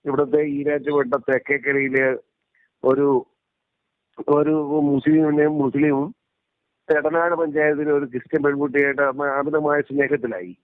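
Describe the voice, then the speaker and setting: A man heard over a narrow, tinny phone line, his voice sitting a little high for a man. He talks quickly and emphatically, circling back to repeat his points. The line is dry, with no room sound around him. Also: level tone, no echo. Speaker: interviewee. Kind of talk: casual phone conversation.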